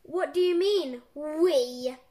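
Lady putting on a loud bragging storybook professor guy, high and shouty, drags the big words out. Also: very animated, slow, exaggerated voice. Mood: gloating. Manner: shouty, gloating. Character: boastful bossy male mad-scientist professor.

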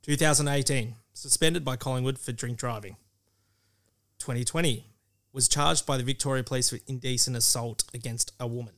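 A man's voice: mid-range voice, steady tone, brisk, a bit bright. An Australian man giving blunt opinions in casual podcast chat. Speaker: podcast panellist.

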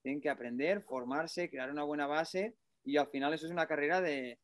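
A man's voice: on the high side, a little fast, dry recording, studio quality. A man with a Spanish accent from Spain chatting casually and colloquially about sports, offering his opinions.

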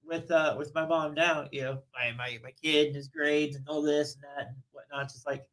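A blunt man in his thirties with a bright, slightly high voice, rambling in casual chat. He restarts often and repeats his words as he works out a point. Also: level tone, normal speed. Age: 30s. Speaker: podcast co-host.

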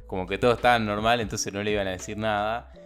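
A man with a Buenos Aires accent telling a story casually on a podcast, animated and acting out what people said. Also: lowish voice, fast talker, soft background music. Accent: Argentine, Buenos Aires. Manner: animated, acts out the dialogue of people in his story. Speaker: podcast host.

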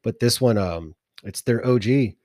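A man co-hosting a podcast in casual chat, an animated storyteller who acts out the voices in his anecdotes. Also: mid-range voice, a little slow, no room sound, clean studio sound. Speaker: podcast co-host.

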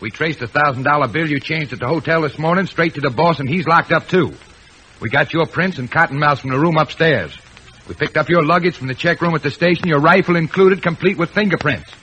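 Hard-boiled 1930s American cop, forceful and bright. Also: male voice, on the high side, brisk. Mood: stern, sardonic. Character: tough, sardonic old-time police detective making an arrest. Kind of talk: old-time American radio crime drama acting. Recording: noisy vintage radio recording.

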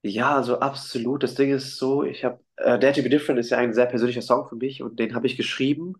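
A man's voice: medium pitch, fairly even intonation, fast. A German-born man, a singer, talking earnestly and hesitantly in a casual interview, with many fillers and restarts, heard over a video call.

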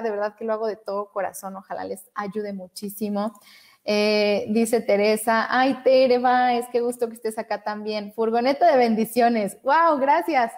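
A woman's voice: medium pitch, a little mellow. A woman hosting a motivational live stream, encouraging viewers and reading out their comments. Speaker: live stream host and coach.

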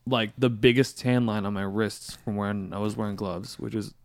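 A man's voice: on the low side, fairly even intonation, normal speed, no echo, studio quality. A young man co-hosting a casual podcast from an apartment, rambling and restarting his sentences. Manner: rambling, repeats words as he starts sentences. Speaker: podcast co-host. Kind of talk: casual chat. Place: apartment living room.

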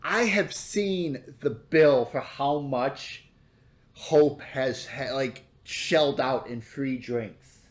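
A man's voice: mid-range voice, slow, natural voice. A man voicing a stern, weary talking monkey in a tabletop game.

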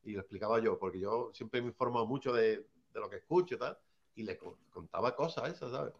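Speaking quickly with a lowish voice and some vocal fry, an early hip hop artist from Seville, Spain, shares rambling, laid-back anecdotes. He punctuates his lines with "¿sabes?", and the high frequencies are missing from the audio.

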